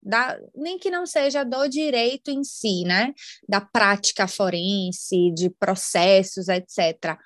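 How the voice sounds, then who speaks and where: A talkative woman talks as a podcast guest. Her voice sits at a middle pitch, and the sound is dry and close. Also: slow, fairly bright tone, dry recording. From Brazil. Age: 20s. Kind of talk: casual interview chat.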